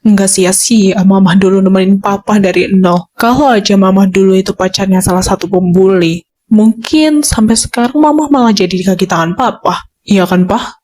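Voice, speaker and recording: A woman playing a teasing, gentle mother in an amateur voice drama dub. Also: medium pitch, normal speed.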